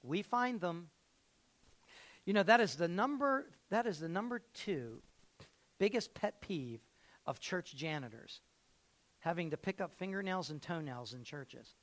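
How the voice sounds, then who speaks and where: A man's voice: high-pitched, animated, measured pace, pauses often, fairly bright tone. A man preaching a sermon as pastor in a church, emphatic and repeating phrases, with joking asides. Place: church sanctuary.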